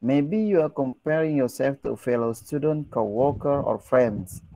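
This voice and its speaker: A man with a gravelly, mellow voice teaches a relaxed language lesson. He reads English phrases slowly, then explains them in quick, chatty Indonesian and asks his listeners questions. The sound is close and dry. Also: mid-range voice, no echo, rough recording.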